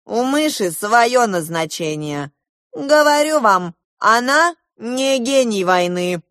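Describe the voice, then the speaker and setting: A woman's voice: fairly high pitch, expressive, slow, fairly bright tone, no echo, clean studio sound, voice pushed up. A woman voicing a bossy, theatrical male goose pilot in a storybook reading, declaiming and commanding. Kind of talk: audiobook character voice.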